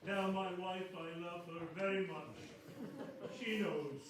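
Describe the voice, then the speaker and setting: Casting: male actor as dying man, brave and resigned, higher-pitched, amateur stage play, noisy distant recording. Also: steady tone, slow. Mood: faint, resigned. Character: dying man, faint, brave and resigned, saying last goodbyes. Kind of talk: amateur stage comedy acting. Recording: echoey hall, distant mic, loud noise.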